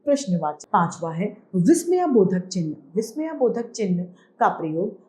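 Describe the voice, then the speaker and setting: A woman teacher leads a grammar lesson for children at a patient, clear pace. She poses questions to the class and answers them herself. She reads each example sentence out slowly. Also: mid-range voice, sing-song, mellow.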